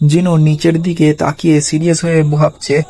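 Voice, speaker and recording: Man narrating a comic recap flatly. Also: on the high side, moderate pace, vocal fry. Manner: flat, even read-aloud delivery.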